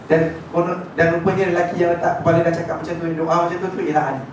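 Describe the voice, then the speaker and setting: A man with a fairly high voice and a Malaysian accent gives an informal religious lecture, telling the story with lively energy and often stopping to check that his class is following. He is heard from across an echoey room, with steady background noise underneath. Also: racing, distant mic.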